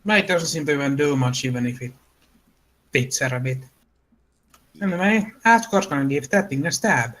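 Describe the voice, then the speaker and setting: A man's voice: a little high, lively intonation, normal speed, long pauses, a bit bright, low-quality recording. A man running a tabletop game as game master, narrating the fight and adding spoken sound effects.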